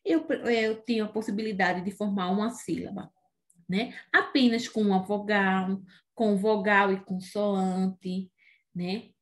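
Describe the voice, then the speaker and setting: A Brazilian woman teaching young children about syllables, slow and patient, often checking in with "né?" and "não é?". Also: mid-range voice, steady tone. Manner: slow and patient, asks "né?" and "não é?" after most points; says words slowly, syllable by syllable. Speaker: primary school teacher. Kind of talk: remote reading lesson for young children.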